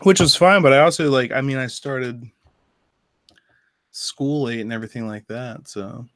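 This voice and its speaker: A man's voice: mid-range voice, moderate pace, a bit bright, no echo. A young man who laughs often, chatting casually with a streamer on a call. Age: young adult. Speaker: guest. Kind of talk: casual chat.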